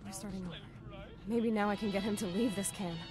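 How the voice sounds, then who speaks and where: Talking fast with a steady tone, a woman acts out video game dialogue as a weary, tough young vault dweller and protective sister, blunt and informal. Her natural voice is medium-pitched, her mood relieved yet determined, with game music behind.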